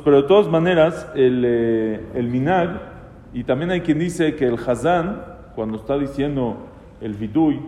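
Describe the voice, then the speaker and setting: A man's voice: fairly high pitch, dark tone, slight background noise. A man, a rabbi, explaining Hebrew texts in a class and putting questions to his listeners. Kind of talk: Torah class. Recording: echoey room, long reverb.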